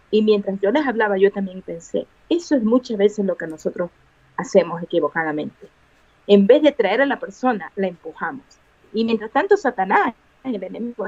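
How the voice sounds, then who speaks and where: A woman's voice: medium pitch, no room sound. A woman educator answering interview questions over a video call, earnest, repeating key words and acting out the things she says to children. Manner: acts out quoted dialogue with children. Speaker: guest educator and teacher. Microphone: remote video call. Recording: dull lo-fi call audio.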